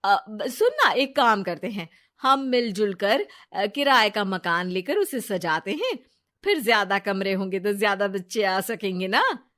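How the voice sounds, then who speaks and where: A woman's voice: medium pitch, lively intonation, a little slow, a bit bright. A woman voicing a scheming young woman who sweet-talks her friend, in a storybook drama.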